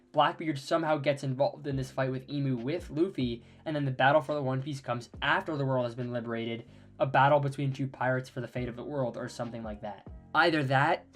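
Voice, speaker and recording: A man with a raspy voice from being sick, giving casual, enthusiastic commentary as he speculates about a manga's story. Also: mid-range voice. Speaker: anime analysis youtuber.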